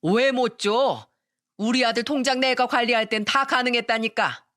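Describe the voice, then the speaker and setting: A woman's voice: animated, a bit bright, dry recording, clean studio sound, lightly acted. A woman voicing a greedy, domineering older mother-in-law in a narrated radio story, drawling her demands. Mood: shrill. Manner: shrill, demanding, drawn-out.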